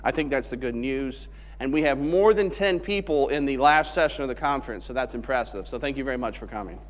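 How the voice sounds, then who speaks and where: A man from Alabama, USA, gives a technical conference talk in a joking, conversational style. His voice is medium-pitched and a little fast. He's on a large conference hall stage, and the stage mic carries a long hall reverb.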